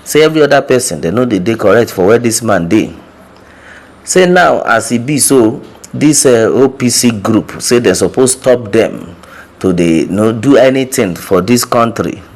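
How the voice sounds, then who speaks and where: A man's voice: medium pitch, animated, moderate pace, a little mellow. A Nigerian man giving informal news commentary, repeating points for emphasis and addressing his listeners directly with hesitation sounds.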